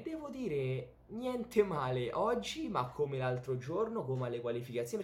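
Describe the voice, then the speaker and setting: A young man with an Italian accent giving an excited, emphatic, casual sports recap to camera in a home room. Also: mid-range voice. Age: young adult. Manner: excited, animated, emphatic with repeated words. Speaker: YouTube tennis commentator and host. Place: small home bedroom, indoors. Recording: roomy, echoey home room.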